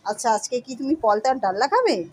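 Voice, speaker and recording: A middle-aged woman films a casual home vlog on her phone camera from her kitchen, chatting with viewers as if they were friends. Her voice is a little high and sing-song, slightly fast, with a darkish tone.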